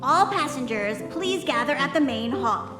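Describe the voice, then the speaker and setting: A woman voicing a fussy train conductor who makes a formal announcement to passengers over an echoing onboard loudspeaker. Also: sits high, expressive, moderate pace, over music. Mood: announcing. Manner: formal announcing, repeats for emphasis. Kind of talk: game voice acting. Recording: echoey, from a distance.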